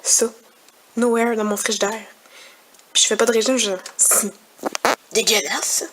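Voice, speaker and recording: A woman's voice: on the high side, little pitch movement, normal speed, slight background noise. A young woman with a Quebec French accent chatting casually in a home vlog, rambling and complaining with disgust. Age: young adult. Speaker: vlogger.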